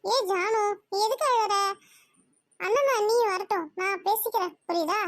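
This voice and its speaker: A woman's voice: extremely high pitch, normal speed, no echo, studio quality. A woman voicing a bossy middle-aged mother in a cartoon who scolds and fusses over her daughter's marriage. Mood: fussing. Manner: scolding, fussing. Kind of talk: cartoon voice acting.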